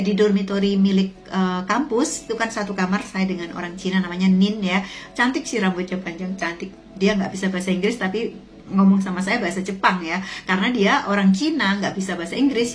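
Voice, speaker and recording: A middle-aged woman from Indonesia talks casually to her viewers, full of fillers and friendly asides. Her voice sits at a middle pitch. Faint music plays softly underneath. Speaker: lecturer sharing stories about Japan. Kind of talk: casual storytelling to camera.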